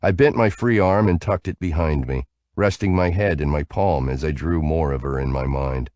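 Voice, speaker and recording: A man narrating a first-person audiobook in a calm, even storytelling manner, close to the mic. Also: rumbling low, moderate pace, no room sound.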